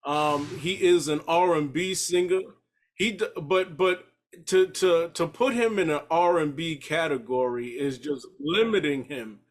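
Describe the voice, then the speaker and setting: Hyped high-voiced male talk show host. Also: unhurried. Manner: hyped, stumbling repeats. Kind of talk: casual talk show hosting.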